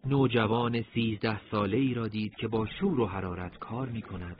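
A man narrating an audiobook story in a steady, measured way. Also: on the low side, dull audio, a little hiss or hum.

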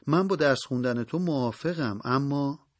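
A man's voice: medium pitch, no room sound, natural voice. A man voicing a middle-aged father who talks to his daughter in an affectionate, pleading way, in an audiobook reading. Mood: fatherly. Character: middle-aged father, gentle but worried.

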